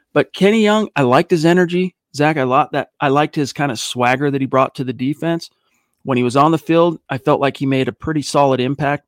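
A man's voice: medium pitch, no room sound, studio quality. A man hosting a sports podcast, talking casually and energetically with some fillers. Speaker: podcast host.

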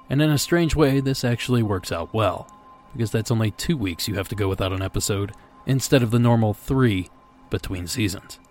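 A man hosting a podcast with scripted, measured but conversational delivery. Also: lowish voice, a little mellow. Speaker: podcast host. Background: faint music.

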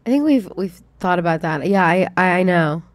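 A woman's voice: lowish voice, expressive, moderate pace, dry recording. A woman co-hosting a podcast in casual chat, her voice stuffed up by a bad cold. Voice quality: congested, stuffy nose. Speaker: podcast co-host.

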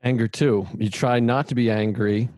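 A man hosting a casual podcast, talking in a relaxed, reflective way and swearing now and then. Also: medium pitch, moderate pace, no echo. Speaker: podcast host.

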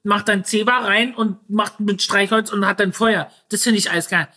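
A woman's voice: medium pitch, steady tone, moderate pace, sharp tone. A woman comedian, a podcast guest, talking frankly and bluntly in casual slang, often restarting her sentences. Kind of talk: casual chat.

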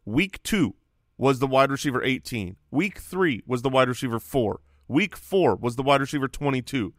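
A man co-hosting a fantasy football podcast, teasing his partner in animated back-and-forth. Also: mid-range voice, dry recording, clean studio sound. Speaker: podcast co-host. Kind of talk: casual sports chat.

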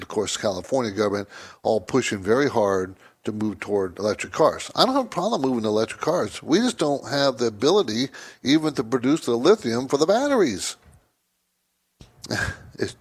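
A man hosts a call-in finance radio show in an easygoing, rambling way. He restates his points more than once so they sink in, and his voice sits at an ordinary middle pitch. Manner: casual, rambling, repeats points for emphasis. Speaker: radio talk show host and financial advisor. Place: studio in Southern California.

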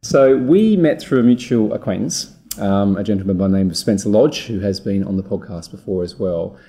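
A man's voice: lowish voice, brisk, warm tone. A man hosting a business podcast, introducing his guest with enthusiasm and some rambling restarts. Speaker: podcast host. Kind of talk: podcast interview. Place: studio in Dubai.

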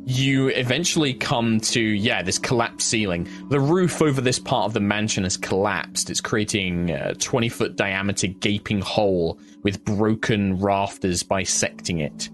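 A man narrating a tabletop game as game master, describing scenes in a measured, halting way. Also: fairly low pitch, faint music behind.

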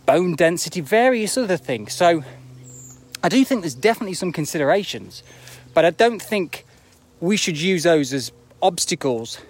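At normal speed, with big swings in a fairly high voice, a forties-aged running coach speaks casually and reflectively to motivate viewers on a live video. He keeps checking in through rhetorical questions as he heads uphill outside near an airport.

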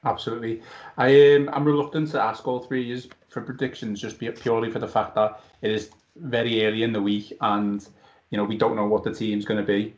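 A man's voice: on the low side, little pitch movement, brisk. A man hosting a casual fan podcast, talking over an internet call. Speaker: podcast host. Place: video call over Skype. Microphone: video call microphone. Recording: dull, lo-fi internet call audio.

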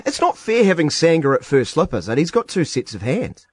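A man's voice: on the high side, big pitch swings, a little fast, husky, no room sound. Chatty male interviewer, dry close sound. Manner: chatty, probing questions. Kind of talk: sports interview.

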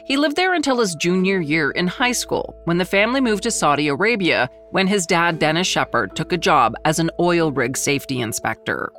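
A woman hosting a history podcast, reading scripted documentary narration in a measured storytelling manner. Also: fairly low pitch, lively intonation, fairly bright tone, faint music behind.

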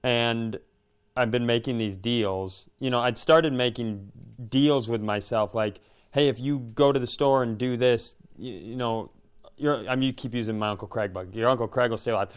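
A podcast co-host with a smooth, medium-pitched voice joins a casual chat, reflecting haltingly as he thinks aloud and frequently stopping to rephrase.

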